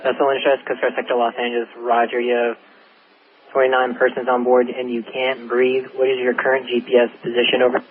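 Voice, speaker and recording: A man working as a Coast Guard radio operator, heard over a marine VHF radio channel, hailing a vessel with formal call procedure. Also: mid-range voice. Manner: steady, measured, repetitive hailing. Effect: marine VHF radio transmission. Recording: tinny radio channel with faint static.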